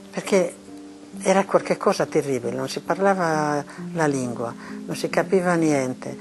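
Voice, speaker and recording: An older woman with a Sardinian Italian accent speaks in a low voice, pausing as she recalls difficult memories. Guitar music plays clearly under her words. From Carbonia, Sardinia. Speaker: interviewee. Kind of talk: reminiscing in an interview.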